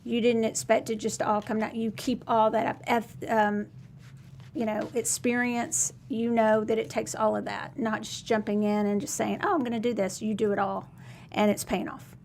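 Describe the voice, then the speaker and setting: A woman co-hosting a casual live chat and giving tarot readings, talking in quick restarts and laughing easily. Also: fairly high pitch, little pitch movement, gravelly, a little mellow, a little hiss or hum. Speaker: co-host and tarot reader.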